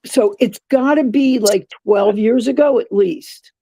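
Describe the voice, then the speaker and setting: A guest in a casual live-stream chat who talks slowly and searches for words. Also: medium pitch, mellow, no room sound. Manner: slow, thoughtful, searching for words.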